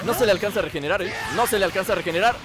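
A man's voice: high voice, rapid-fire, crowd noise. A man giving playful, teasing gameplay commentary, swearing casually. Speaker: gaming channel host.

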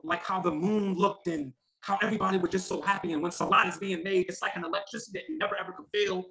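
A man in a casual group chat about a pilgrimage, animated and repeating words as he gets excited. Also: sits high, creaky, poor audio. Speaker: podcast panelist.

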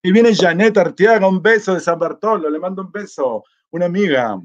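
A man's voice: high voice, moderate pace, muffled recording. A man, hosting a live stream and casually reading out and answering viewer comments. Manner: chatty and easygoing, reads greetings aloud and answers them. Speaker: vlogger hosting a live chat contest.

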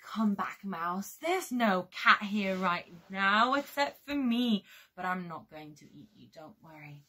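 A woman with a British accent leading a music lesson for toddlers, singing and telling a story in a slow, exaggerated way. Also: medium pitch, expressive, bright, forceful tone. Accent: British English. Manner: sing-song, slow and exaggerated for small children. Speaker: children's music teacher. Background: guitar music.

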